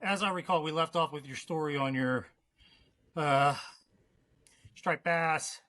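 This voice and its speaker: A man's voice: fairly high pitch, pushed and bright. A man hosting a fly fishing podcast, chatting casually and talking through his edits aloud with his guest. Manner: unhurried, talks through his editing plans aloud. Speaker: podcast host. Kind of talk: casual remote interview.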